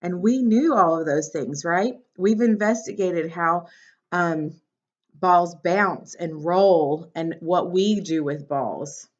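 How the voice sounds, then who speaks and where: In a dull, lo-fi recording, a woman teacher with a lowish voice takes it slowly as she reads a picture book aloud to young children. Along the way she instructs them and prompts them with questions.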